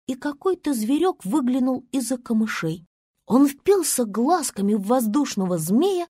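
Lively woman reading a storybook. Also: fairly high pitch, husky, no echo, clean studio sound. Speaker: narrator.

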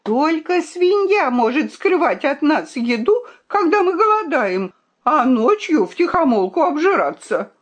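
A woman's voice: sing-song, a little slow. A woman doing a spoiled shrieking little princess. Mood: shrill accusing. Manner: shrill, shrieking, dismissive.

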